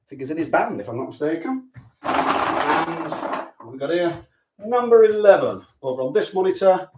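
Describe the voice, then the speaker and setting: A man's voice: fairly high pitch, big pitch swings, moderate pace, recorded from a distance, noisy background. A man hosting a sweepstake draw in a casual, chatty way with dry, offhand humour. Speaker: sweepstake host. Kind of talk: casual live draw commentary. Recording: echoey room, voice off-mic.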